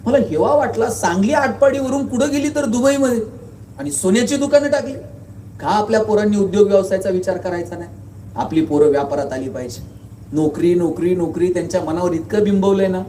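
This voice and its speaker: High-voiced man giving an echoey hall speech. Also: brisk, dark tone. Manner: storytelling with rhetorical questions and humor. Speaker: guest speaker. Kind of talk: motivational public speech. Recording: echoey hall, voice from far off, faint noise.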